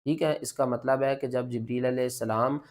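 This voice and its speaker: A man teaching Quran recitation with a mid-range voice. He names each letter and vowel, then blends them slowly into a drawn-out chant. Between verses he keeps asking the listener what to do next and gives the answer himself. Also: medium pitch, fairly even intonation. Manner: asks the viewer questions and answers them himself. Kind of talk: step-by-step recitation lesson.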